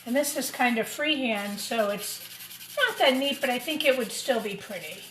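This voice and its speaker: This woman's fairly high, slightly bright voice has lively intonation at a moderate pace. She's a teacher informally showing young children a craft, talking through each step while working, in a roomy space with clear clatter and noise behind her.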